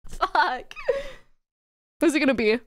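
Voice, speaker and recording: High-voiced playful woman streamer. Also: expressive, drawn-out words. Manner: playful, teasing, laughs often. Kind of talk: casual chat on a gaming stream.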